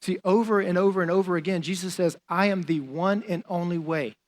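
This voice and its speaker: Pastor, young adult man, slightly higher voice, conversational sermon delivery, repeats lines for emphasis. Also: brisk. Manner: conversational, emphatic preaching with frequent "like" and repeated phrases.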